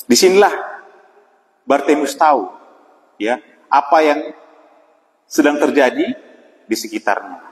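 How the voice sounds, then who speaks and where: A man's voice: fairly high pitch, big pitch swings. Man preaching an evening devotional, reverberant. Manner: unhurried, with frequent "ya" and pauses. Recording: long hall reverb.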